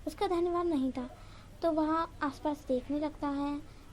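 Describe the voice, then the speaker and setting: A woman's voice: sits high, steady tone, a little slow, a little mellow, a little hiss or hum. A woman casually retelling a fan story, chatty and linking each event with "so". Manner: chatty, strings events together with "so".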